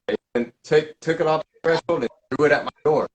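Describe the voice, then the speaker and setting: A man hosting a live question-and-answer stream, talking loosely in a rambling, halting way with many fillers and restarts. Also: fairly high pitch, low-quality recording. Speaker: paranormal investigator hosting a live Q&A. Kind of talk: casual live-stream chat.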